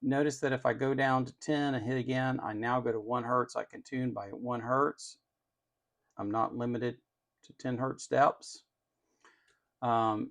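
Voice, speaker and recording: The host of an electronics channel talks in a gravelly, mid-range voice. His unscripted demonstration of technology proceeds step by step, full of opinion, with certain words punched for emphasis.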